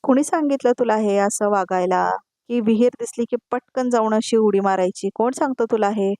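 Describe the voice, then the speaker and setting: A woman's voice: fairly high pitch, moderate pace, warm tone, no room sound, close to an everyday voice. A stern, experienced female defense lawyer tells someone off with open reproach, voiced by a woman narrating an episode recap. The sound is close and dry, with no room around it. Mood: scolding. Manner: scolding, reproachful.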